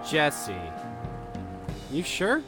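A man's voice: a little high, big pitch swings, drawn-out words, music in the background, full character voice. A man playing an impatient bossy corporal. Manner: barking orders, impatient. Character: exasperated male squad corporal, bossy. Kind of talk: comedic audio drama.

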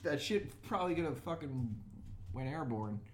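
A man's voice: on the high side, lively intonation, moderate pace. A man joking around in crude banter on a casual podcast in an apartment. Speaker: podcast co-host. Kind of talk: casual chat. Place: apartment room. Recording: roomy with faint noise.

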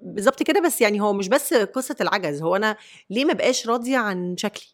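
A woman's voice: mid-range voice, expressive, very fast. A woman with an Egyptian accent, a skin doctor, explaining treatments in an emphatic way with rhetorical questions in a casual podcast chat. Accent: Egyptian Arabic. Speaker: dermatologist guest.

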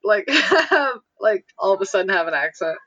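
A woman's voice: medium pitch, sing-song, normal speed, sharp tone, no echo, highs cut off. A woman from Illinois in a casual chat with a friend, rambling with many fillers and giggling. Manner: rambling, lots of likes and uhs, giggly. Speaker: friend chatting.

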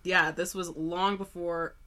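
A woman's voice: fairly low pitch, level tone, unhurried, sharp tone. Lady podcaster, bit sick and nasal, casual chatty, swears a lot. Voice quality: nasal, stuffed up. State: sick with a cold. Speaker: podcast co-host.

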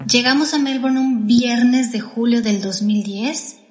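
Mexican woman, higher voice, reflective narration, roomy echo, music behind. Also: unhurried. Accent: Mexican Spanish. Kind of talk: scripted narration.

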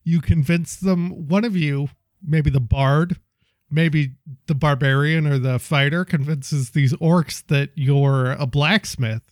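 A man's voice: on the high side, fairly even intonation, slow, dry recording, clean studio sound. A young man co-hosting a podcast, brainstorming casually with lots of fillers, restarts and laughter. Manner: rambling, laughs often, many fillers and restarts. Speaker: podcast co-host.

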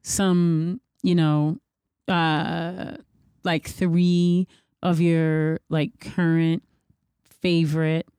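A woman's voice: low voice, level tone, very slow, mellow, clean tone, no echo. Chatty woman host, dry sound. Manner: chatty, drifts into tangents. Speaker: podcast host. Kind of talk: casual group chat.

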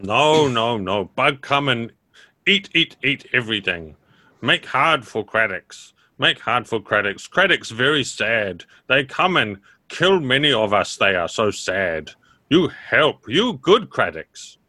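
A man's voice: mid-range voice, very animated, slow, sharp tone, dry recording, clean studio sound, heavily acted. A man voicing an anxious big mushroom creature in a tabletop game, speaking in simple, broken, repetitive words. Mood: earnest, sad. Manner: simple broken speech, repeating single words.

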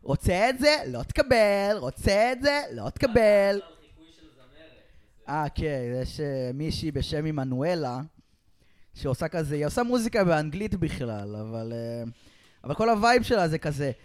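A man's voice: fairly high pitch, big pitch swings. A man co-hosting a podcast who chats casually and jokes in a teasing, provocative way. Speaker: podcast co-host.

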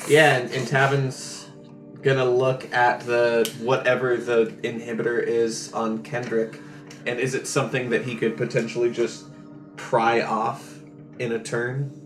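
A man's voice: medium pitch, little pitch movement, measured pace. Man, casual game player, hesitant, echoey room, faint music.

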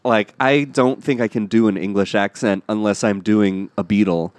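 A man's voice: on the low side, fairly even intonation, normal speed, no room sound. A man, an improv comedy performer, chatting casually and self-deprecatingly, often laughing. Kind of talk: casual chat.

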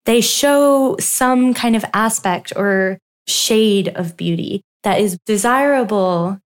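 A young woman, a doctoral researcher, giving articulate, animated answers in an interview. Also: medium pitch, slow. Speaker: guest, philosophy doctoral researcher.

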